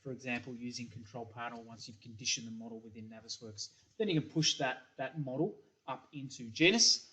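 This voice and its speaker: With hardly any pauses and a little fast, a middle-aged Australian man presents a product on a recording made in a small room. He's a principal at a software company, and his mid-range, pushed, bright voice is full of ums and repeated words. The webcam audio is slightly dull.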